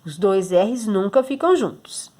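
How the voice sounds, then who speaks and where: Lively Brazilian teacher woman. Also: medium pitch, a little slow. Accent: Brazilian Portuguese. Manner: patient, explains step by step with many checks like "tá?". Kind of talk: recorded homework lesson for children.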